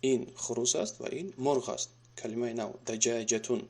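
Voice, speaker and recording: Patient Tajik-accented Arabic teacher. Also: male voice, mid-range voice, gravelly, a little mellow. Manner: patient, reads each example slowly twice then translates. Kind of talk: recorded grammar lesson.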